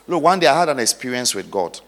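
A male pastor preaching dramatically, moving from hushed storytelling to loud exhortation. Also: mid-range voice, sing-song, fast, a little hiss or hum. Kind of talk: sermon. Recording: long hall reverb.

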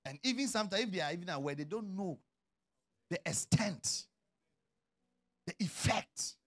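A middle-aged man preaching a sermon as a pastor, swinging from quiet, low asides to loud shouted calls. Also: expressive, moderate pace.

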